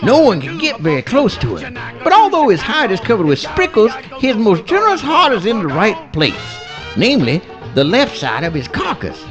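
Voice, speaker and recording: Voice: medium pitch, wildly swooping pitch, normal speed, dull audio, over music. An actor voicing a mild-mannered male possum in folksy swamp dialect with mangled grammar, in a live radio play. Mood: folksy narrating.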